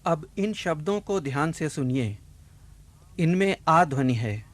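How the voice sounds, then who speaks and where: A man teaching pronunciation in a careful drill, saying each word twice with deliberate enunciation. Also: fairly high pitch, expressive.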